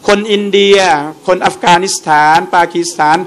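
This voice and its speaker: A man teaching religion to a live audience. His voice sits high for a man. He lectures in a loose, conversational way, circling back over his points and checking in with listeners. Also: flat delivery, normal speed. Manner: conversational, asks the audience questions, repeats points.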